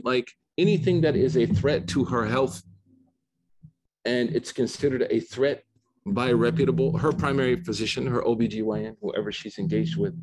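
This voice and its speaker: A middle-aged man, whose first language isn't Arabic, gives an informal lecture on Islamic rulings in a mid-range voice. He talks conversationally, with many restarts and asides, and the recording is rough.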